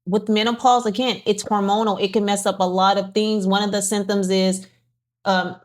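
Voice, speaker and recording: A woman's voice: mid-range voice, little pitch movement, normal speed. A middle-aged woman co-hosting a candid podcast, speaking frankly and earnestly and laughing easily. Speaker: podcast co-host.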